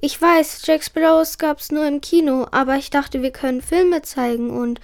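A woman's voice: high voice, steady tone, normal speed, gravelly. A reader voicing an eager, easily hurt schoolboy from a children's book, in her plain reading voice. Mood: earnest.

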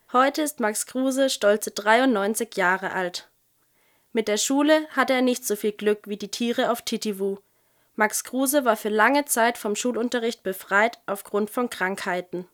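A woman presenting a children's book and reading from it in a lively storytelling way. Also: a little high. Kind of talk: book presentation with read-aloud excerpt.

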